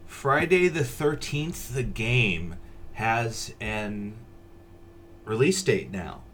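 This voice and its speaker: A man co-hosting a casual gaming news podcast, joking in a dry, deadpan way. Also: mid-range voice, very slow, slight background noise. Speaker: podcast co-host.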